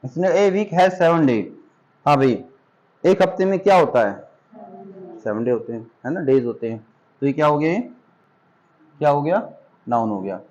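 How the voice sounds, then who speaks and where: A man's voice: mid-range voice, expressive, normal speed, long pauses, darkish tone, dull audio. A man teaching a classroom grammar lesson, patiently asking questions, repeating points and checking that his students follow. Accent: Hindi.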